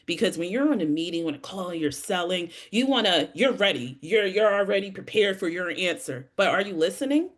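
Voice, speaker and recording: A woman sales rep telling stories with lively expression on a webinar panel over a video call. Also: fairly low pitch, a little fast, hardly any pauses.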